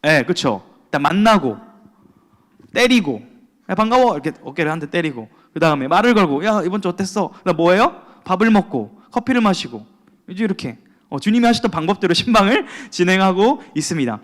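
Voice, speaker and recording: Animated young male youth pastor. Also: high-pitched, brisk. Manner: playful, talks with the audience, acts out quoted voices. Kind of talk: sermon. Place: church worship hall. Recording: long hall reverb.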